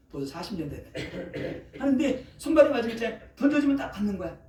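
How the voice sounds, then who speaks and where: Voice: mid-range voice, big pitch swings, brisk, dark tone. A preacher in their sixties giving a casual, colloquial sermon, constantly checking in with the congregation with a questioning "eh?" and using vivid sound words. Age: 60s. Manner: keeps checking in with the congregation, asking "eh?" after each phrase. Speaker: pastor. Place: church sanctuary. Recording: roomy echo, voice picked up from a distance.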